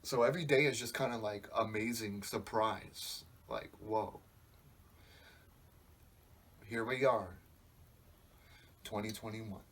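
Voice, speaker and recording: A man's voice: fairly low pitch, slow, pauses often, fairly bright tone, a little hiss or hum. A man in his twenties talking on a podcast in a loose, rambling, reflective way, swearing freely. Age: 20s. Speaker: podcast host. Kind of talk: casual podcast monologue.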